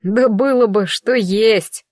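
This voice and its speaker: A woman's voice: mid-range voice, slow, a little mellow, no room sound, clean studio sound. A woman doing a sulky young werewolf. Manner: gruff, stubborn muttering. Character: scruffy young werewolf man, proud and sulky. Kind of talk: audiobook character voice.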